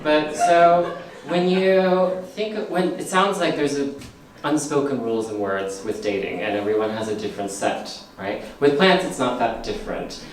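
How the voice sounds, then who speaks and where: Man hosting a live stage show, playful and laughing, boomy theater echo, heard from a distant mic. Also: normal speed. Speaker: comedy science show host. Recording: echoey theater from far off.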